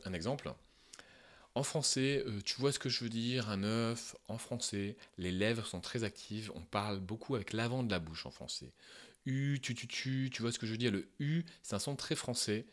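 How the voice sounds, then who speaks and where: A man giving a casual spoken lesson, thinking aloud with small hesitations and demonstrating vowel sounds as he explains. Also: lowish voice. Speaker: English teacher.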